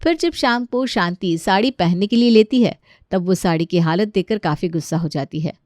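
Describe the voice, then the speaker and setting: A woman narrating a cartoon family story in a plain, even way. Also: mid-range voice, moderate pace, no room sound, studio quality.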